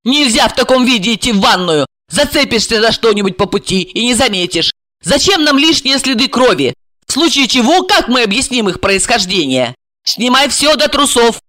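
A reader voicing a brisk, cold-blooded young woman in an audiobook who gives orders and mocks her friend. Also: medium pitch, big pitch swings, sharp tone, no room sound, studio quality, voice pushed up. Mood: commanding. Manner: brisk, commanding, sardonic.

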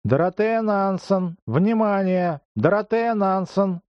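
A man reading a book aloud and putting on a stern police announcer calling out over a loudspeaker in a loud, barking voice. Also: high voice, animated, slow pace, no room sound, highs cut off, voice pushed up. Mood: commanding. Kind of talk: audiobook reading.

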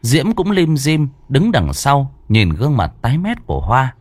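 A man telling a ghost story in dramatic, drawn-out scripted narration. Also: mid-range voice, sing-song, no room sound.

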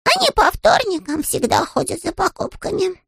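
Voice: very high voice, sing-song, normal speed, creaky, fairly bright tone, dry recording, studio quality, pitched above the performer's own voice, heavily acted. A reader voicing a small, polite young male bear who sounds eager and innocent, in an audiobook. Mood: earnest. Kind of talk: audiobook character voice.

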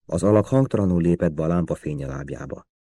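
A man narrating a thriller audiobook in a steady, even storytelling manner. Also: deep voice, dry recording, clean studio sound. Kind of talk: scripted narration.

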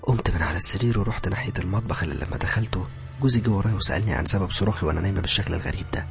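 Man, Egyptian accent, horror story narration, quick pace, tense and hushed at times, faint music behind. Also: low voice, gravelly. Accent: Egyptian Arabic. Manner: tense, sometimes dropping to a whisper. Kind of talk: scripted first-person horror narration.

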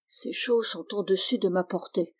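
A woman's voice: mid-range voice, normal speed, a little mellow, breathy edge, lightly acted. A woman voicing a loyal middle-aged male squire who speaks earnestly and with worry. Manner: earnest, troubled.

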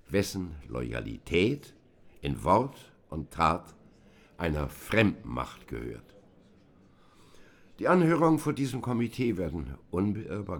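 A stern committee chairman speaks in a deep, low voice that rises and falls widely. He talks formally and emphatically, officious and in full command of the room. The setting is a radio play of a hearing. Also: heavily acted.

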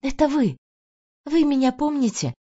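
A woman's voice: mid-range voice, animated, normal speed, mellow, voice pushed up, natural voice. Woman reading as an eager, earnest young woman. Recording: dull lo-fi audio.

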